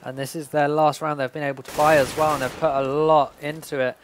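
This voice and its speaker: A man's voice: fairly high pitch, little pitch movement, fairly quick. A man working as an esports caster, calling play-by-play in short, clipped descriptions of the action. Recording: background noise with game gunfire. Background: game gunfire and clicks.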